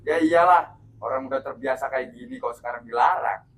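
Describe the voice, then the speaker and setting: A man's voice: medium pitch, fairly quick, lightly acted. A man acting as a stubborn street thug demanding protection money in an amateur skit, talking in an insistent, pushy way. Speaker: actor in a skit.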